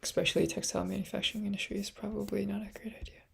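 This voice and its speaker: A woman reads to herself in a hushed, half-whispered voice and breaks off now and then for a murmured comment. Her tone is strongly gravelly and full of vocal fry, at an ordinary pitch. A faint hiss sits under the recording. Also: steady tone, racing. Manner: half-whispered reading, quiet asides. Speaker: channel host reading investment texts. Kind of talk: reading aloud and musing while studying.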